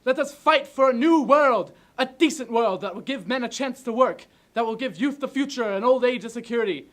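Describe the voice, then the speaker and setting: A man playing an impassioned orator giving a ranting, shouted, emphatic dictator-style speech. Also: very high voice, expressive, a little fast, voice pushed up. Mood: fiery, rousing. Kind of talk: dramatic speech recitation.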